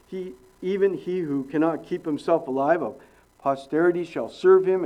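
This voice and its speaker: A middle-aged man preaches in an earnest, emphatic way, his voice mellow and warm yet sitting a bit high. He leans hard on key phrases, then drops almost to a hush. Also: low-quality recording. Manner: earnest, emphatic, with sudden loud rises and hushed drops. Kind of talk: expository sermon.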